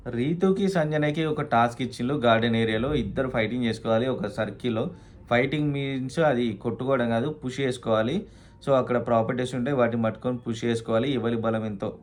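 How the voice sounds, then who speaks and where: A man's voice: medium pitch, a little mellow. A man giving a casual spoken recap of a reality show, with many fillers and English words mixed in.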